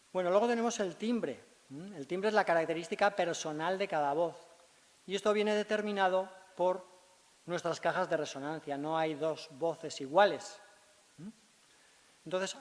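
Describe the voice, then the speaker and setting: A man, a speech therapist giving a conference talk in a large hall. He teaches step by step and keeps checking in with short tag questions. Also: fairly high pitch. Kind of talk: conference presentation. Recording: long reverb of a large hall.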